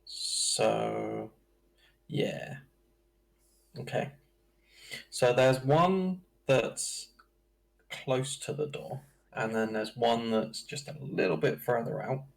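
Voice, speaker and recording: A man running a tabletop game as dungeon master, narrating in a slow, halting way with chuckles. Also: mid-range voice, vocal fry, poor audio.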